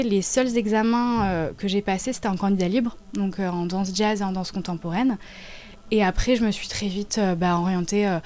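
A woman in her twenties, a dancer and choreographer, talks about her work in a casual interview, halting often as she searches for words. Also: mid-range voice, darkish tone. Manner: halting, with many hesitations.

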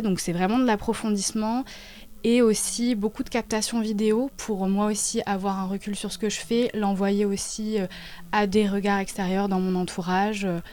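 A woman in her twenties, a dancer and choreographer, talks about her work in a casual interview, halting often as she searches for words. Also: medium pitch, dark tone. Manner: halting, with many hesitations.

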